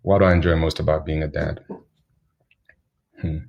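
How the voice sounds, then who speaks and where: A man from Zambia, a guest telling stories in a relaxed interview, unhurried and anecdotal, chuckling now and then. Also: very deep voice, gravelly, highs cut off. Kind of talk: reflective storytelling in an interview.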